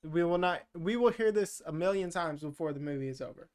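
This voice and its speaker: This podcast co-host recaps a film in loose, profane, joking banter heavy with "uh" and "like". His voice is fairly high and darkish yet clean, with lively intonation and a brisk pace.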